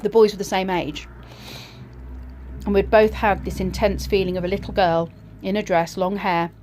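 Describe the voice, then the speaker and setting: A woman casually telling a personal ghost story in a reflective, slightly hesitant way, pausing between short phrases. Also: medium pitch, fairly even intonation, a little mellow, slight background noise.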